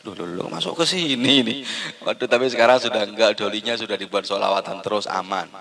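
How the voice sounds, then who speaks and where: Pendakwah pria berlogat Jawa Timur, suara cerah, gaya ceramah jenaka yang hidup. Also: male voice, on the low side, brisk, gravelly, rough recording. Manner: lively storytelling, acts out wife and husband in dialogue; mixes Indonesian with Javanese phrases. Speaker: preacher. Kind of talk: humorous religious sermon.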